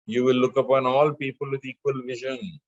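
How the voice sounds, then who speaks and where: A man teaching spiritual lessons in a measured way, chanting scripture verses between his explanations. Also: medium pitch, flat delivery, no echo, lo-fi sound. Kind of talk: spiritual discourse with scripture recitation.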